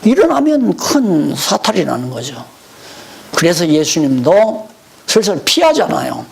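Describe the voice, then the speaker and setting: A man's voice: fairly high pitch, wildly swooping pitch, a little slow, vocal fry, a little hiss or hum. A man teaching a Bible study lecture, explaining verses and then telling stories from his own life.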